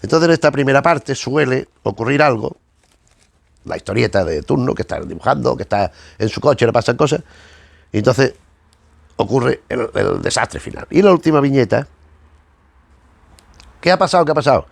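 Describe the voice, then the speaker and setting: A man reviews comics casually on his channel as he turns the pages, hesitating and repeating words while thinking ahead. He speaks at normal speed in a gravelly mid-range voice with lively intonation. The recording has no room sound.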